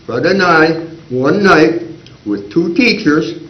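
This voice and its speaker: A man's voice: a little high, animated, slow pace. Brief: older man, folksy storyteller at a meeting, roomy and slightly dull recording. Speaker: former school board member. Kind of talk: meeting remarks. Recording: roomy, dull community TV audio.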